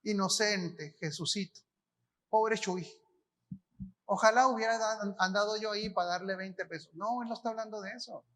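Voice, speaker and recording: Preaching a conference sermon, this apostle speaks with a Mexican Spanish accent in a high-pitched, bright and forceful voice at normal speed. He keeps it colloquial, putting questions to listeners and supplying the answers himself.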